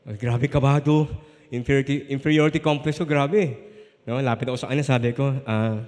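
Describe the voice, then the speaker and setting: A man's voice: medium pitch, steady tone, a little fast, a little mellow. A middle-aged Filipino man preaching a sermon as a pastor, telling humorous stories and often checking with the congregation. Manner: humorous storytelling with frequent "no?" tags. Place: church sanctuary. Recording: echoey church hall.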